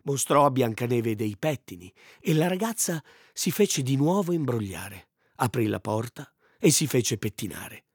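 Husky, animated male storyteller. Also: mid-range voice, unhurried, dry recording, studio quality. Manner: expressive, animated. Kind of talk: storybook reading.

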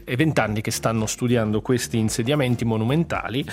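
A man co-hosting a radio show, explaining a story in a measured way with hesitant fillers. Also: mid-range voice, soft background music. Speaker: radio co-host. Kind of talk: news item in casual radio chat.

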